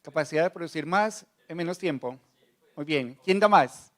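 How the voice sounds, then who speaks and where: A man's voice: on the high side, expressive, moderate pace, fairly bright tone. A man giving a motivational conference talk, quizzing the audience with short questions. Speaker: conference speaker.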